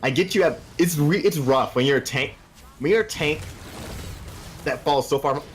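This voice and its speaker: A young man casting a video game match live, joking casually and getting faster and louder during fights. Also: a little high, a little hiss or hum. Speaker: esports caster.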